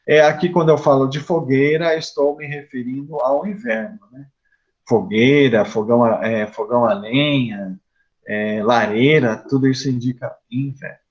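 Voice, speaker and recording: A man's voice: medium pitch, fairly even intonation, normal speed, dull audio. A middle-aged man with a Curitiba accent, a haiku poet as guest teacher, patiently explaining to a class and listing examples. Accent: Curitiba, Brazilian Portuguese. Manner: patient and explanatory, lists terms with frequent "né?".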